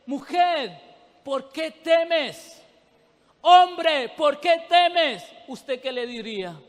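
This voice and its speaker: A man's voice: extremely high pitch, fairly bright tone. A man preaching a sermon, speaking fervently and directly to the congregation. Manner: fervent, addresses the congregation directly with rising intensity. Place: church. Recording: long reverb of a church hall.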